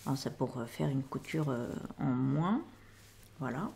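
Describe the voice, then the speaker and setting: She is a middle-aged woman with a deep bass voice, gravelly and dark, speaking a little slowly but with plenty of expression over slight background noise. On her knitting and sewing podcast she casually shows off finished projects, rambling along and frequently ending with "voilà."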